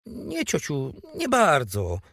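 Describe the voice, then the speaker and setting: Storybook figure: man playing a mischievous boy, evasive and cocky, with a lively, husky voice. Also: on the high side, slow pace, no room sound, studio quality, voice pushed up, full character voice. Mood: innocent. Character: cheeky, defiant young boy.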